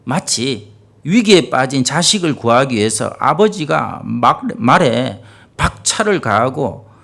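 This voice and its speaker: A man's voice: medium pitch, vocal fry, fairly bright tone. A middle-aged man, a senior pastor preaching an early-morning sermon with vivid storytelling and rhetorical questions.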